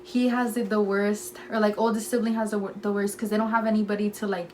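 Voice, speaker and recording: A young woman vlogging, chatting casually with her sister and telling lively stories full of "like". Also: mid-range voice, fast talker, a little hiss or hum, low-quality recording. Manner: chatty, many "like"s, lively storytelling. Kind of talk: casual sibling chat.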